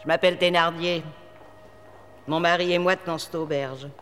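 A man's voice: fairly high pitch, fairly even intonation, normal speed, a bit bright, close to an everyday voice. A man voicing a scheming female innkeeper who sweet-talks a mother and then haggles over money. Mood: honeyed. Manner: falsely friendly, then haggling. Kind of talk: audio drama acting. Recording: hall reverb with faint noise.

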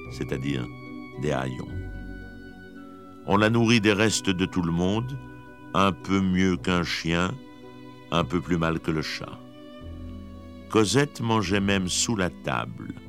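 A man giving measured, expressive scripted narration of a classic story. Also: sits low.

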